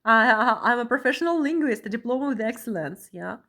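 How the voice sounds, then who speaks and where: A woman's voice: on the high side, expressive, fast talker, pushed and bright. A woman from Russia who talks earnestly while reading a document aloud, often ending phrases with a questioning "yeah?" and repeating herself. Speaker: vlogger, asylum seeker.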